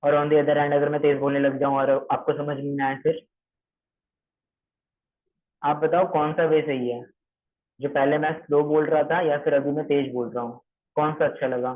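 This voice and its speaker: Over tinny, phone-like audio, a Maharashtrian man with a slightly high voice coaches trainees through a calling script at normal speed, his delivery flat and full of pauses. He repeats points, keeps checking that they've understood, and mixes English phrases into his Hindi.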